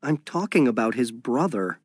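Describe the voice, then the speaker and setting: A man's voice: mid-range voice, big pitch swings, drawn-out words, breathy edge, no room sound, studio quality, exaggerated voice. An actor voicing an insecure jealous young man in a scripted textbook dialogue, sulky and whiny.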